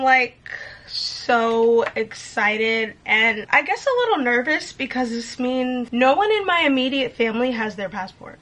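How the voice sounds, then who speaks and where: A beauty vlogger in her late twenties from the United States chats upbeat to a camera on her desk while gluing on lashes in her bedroom. Her voice is slightly high and sharp, with a little hiss or hum.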